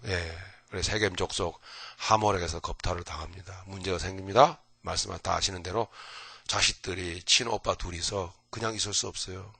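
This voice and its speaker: Animated Korean pastor, bright dry voice. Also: male voice, deep voice, fairly quick, vocal fry, husky, dry recording. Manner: animated, mimics people with sudden loud outbursts and whispers; folksy, asks listeners "right?" often. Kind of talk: early morning Bible lecture.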